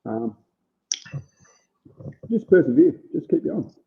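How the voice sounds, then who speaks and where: A man's voice: medium pitch, big pitch swings, slow. A man with an Australian accent, speaking plainly and informally as a guest in a casual chat. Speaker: interview guest, small food business owner. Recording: thin phone-like sound.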